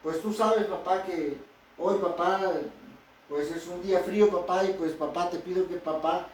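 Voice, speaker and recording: A man's voice: high voice, steady tone, moderate pace, natural voice. A man acting out a young son who keeps begging his dad over and over, in a whiny, repetitive way. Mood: pleading. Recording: echoey room from far off.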